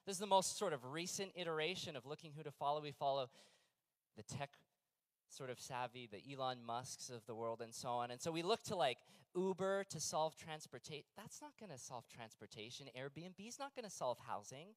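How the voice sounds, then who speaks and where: A man's voice: fairly high pitch, animated, fairly quick, no room sound, low-quality recording. A man in his thirties preaching a sermon as pastor, telling stories in a conversational way with fillers and restarts.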